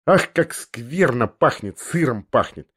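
A man's voice: mid-range voice, expressive, takes it slowly, fairly bright tone, husky, dry recording, studio quality, heavily acted. A man reading an audiobook, voicing a proud, slightly tipsy teenage boy who answers with indignant defiance. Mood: defiant. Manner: challenging, indignant.

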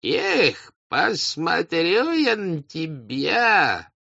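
A man voicing a drunk peasant man who taunts in slow, slurred drawls. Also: a little high, very animated, creaky, sharp tone, dry recording, pitched above the performer's own voice, heavily acted. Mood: drunken taunting. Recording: dull lo-fi dry audiobook recording.

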